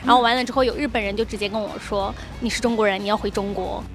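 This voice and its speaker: A woman from China answering interview questions in a quick, chatty way. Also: mid-range voice, steady tone, music in the background.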